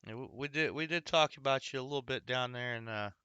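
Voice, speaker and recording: A man's voice: mid-range voice, fast, sharp tone, clean tone, no echo, highs cut off. A man hosting a coin-hunting livestream, chatting casually and greeting viewers by name as he works through rolls. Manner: chatty, talks to viewers by name while working.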